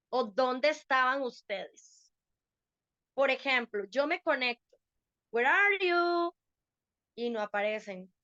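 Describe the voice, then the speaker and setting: High-voiced woman English teacher, slow and patient, on a dull, dry video call. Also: sharp tone, no room sound. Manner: patient, explains slowly with repeated checks. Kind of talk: online English class for adults.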